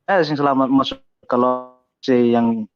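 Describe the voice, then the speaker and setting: Male caller on a glitchy, robotic-sounding online line, halting delivery, muffled lo-fi sound. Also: medium pitch, steady tone. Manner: hesitant, halting, many fillers. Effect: choppy robotic-sounding call connection. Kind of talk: call-in discussion. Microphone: phone or computer over an internet call. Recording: muffled lo-fi online call with faint music.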